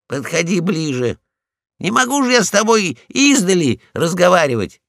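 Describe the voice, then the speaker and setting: A man voicing a pompous, bossy male guard dog in a storybook reading, loud and commanding. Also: high-pitched, sing-song, moderate pace, vocal fry, dry recording, clean studio sound, pitched above the performer's own voice, exaggerated voice.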